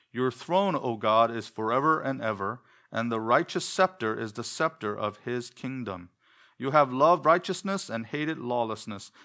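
In a church sanctuary, a pastor whose first language is Korean preaches an expository sermon. His delivery is measured and deliberate, with rhetorical questions, and his mid-range voice is bright and forceful.

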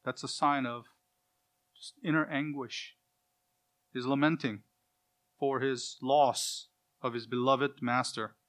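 Guy teaching a bible passage, punchy emphasis then soft asides, says names the hebrew way, mid pitch. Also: steady tone, slow, long pauses. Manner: emphatic, swings from loud stresses to quiet asides; uses Hebrew pronunciations of names. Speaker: preacher.

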